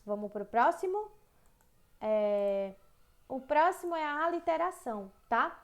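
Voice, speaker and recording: A woman with a Brazilian accent teaching an online lesson, chatty, checking in with "tá?" and "né?", reading verses slowly. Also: high voice, animated. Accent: Brazilian Portuguese. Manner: reads poems aloud slowly and rhythmically.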